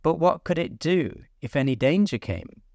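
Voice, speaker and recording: Storybook: a polite, earnest young girl, voice lifted high, by a male reader. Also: lively intonation, normal speed, vocal fry, darkish tone, dry recording, clean studio sound. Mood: curious.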